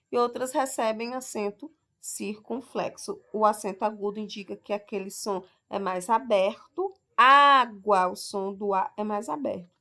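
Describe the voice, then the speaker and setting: Teaching a recorded school lesson, a Brazilian woman with a slightly high, gravelly, fairly bright voice moves patiently through the material step by step. She slows down on each example word and keeps checking that her class is following.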